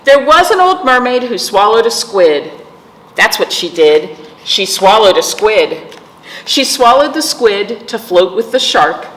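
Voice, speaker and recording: A children's librarian with a mid-range, fairly bright voice hosts storytime, reading aloud to young children in an unhurried, very animated sing-song and asking them questions. The room is echoey, with clear background noise.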